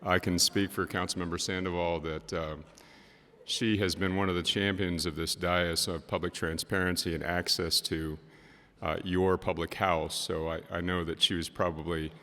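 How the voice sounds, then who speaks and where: A man acting as mayor chairs a council meeting, speaking in a measured way with frequent pauses and fillers. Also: deep voice, little pitch movement, fairly bright tone. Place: city council chamber. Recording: long reverb of a council chamber.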